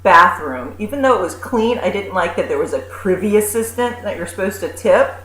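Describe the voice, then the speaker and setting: A woman co-hosting a comedic rant, trading snarky, deadpan quips. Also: medium pitch, brisk, echoey room, a little hiss or hum, low-quality recording. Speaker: co-host.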